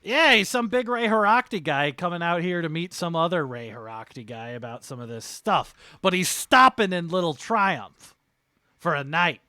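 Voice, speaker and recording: A man playing a rough, talkative gossip with a halting, apologetic manner in a tabletop role-play. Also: fairly high pitch, expressive, sharp tone, dry recording, clean studio sound. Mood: matter-of-fact.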